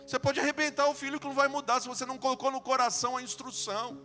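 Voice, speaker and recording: Brazilian pastor preaching, storytelling, acts out the lines, reverby church with soft music behind. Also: male voice, very high voice, steady tone, racing. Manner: storytelling preacher, acts out dialogue, shifts between soft and loud. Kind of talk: sermon. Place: church sanctuary.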